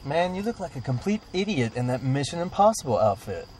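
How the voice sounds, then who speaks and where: A man's voice: a little high, sing-song, fairly quick, very noisy. An actor playing a sarcastic young man who teases his friend in a dry, mocking way. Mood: teasing.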